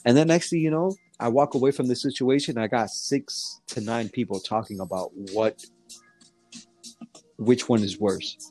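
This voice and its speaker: A man chatting loosely on a podcast in a mid-pitched voice. He rambles, circles back with fillers and restarts, and swears freely. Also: normal speed, a little mellow, faint music behind. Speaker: guest rapper. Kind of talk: casual podcast chat.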